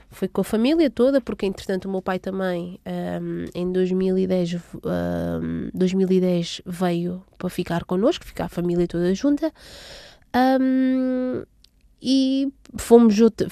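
Mellow-voiced young woman recalling her childhood. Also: medium pitch, creaky, dry recording, studio quality. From São Tomé and Príncipe. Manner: hesitant, many fillers and restarts. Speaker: interviewee. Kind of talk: casual personal recollection.

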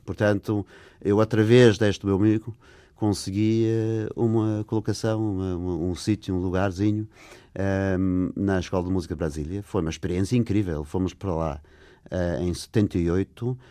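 An older Englishman, a native English speaker, is an interview guest answering questions in Portuguese, a language he learned, hesitantly and with many fillers. His low, mellow voice keeps a fairly even intonation at normal speed. The studio-quality recording has no echo.

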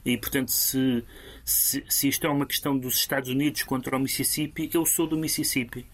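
A man's voice: mid-range voice, flat delivery, brisk. A man with a European Portuguese accent discussing a book as a critic on radio, full of fillers and restarts. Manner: hesitant, many fillers and restarts.

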